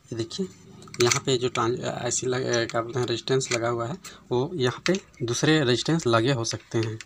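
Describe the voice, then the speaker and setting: Man, TV repair tutor, chatty and relaxed, phone mic over the bench, faint hiss. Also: mid-range voice, a little fast. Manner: conversational, keeps adding "है ना" and "दोस्तों". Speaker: TV repair instructor. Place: workshop bench, voice behind handheld phone camera.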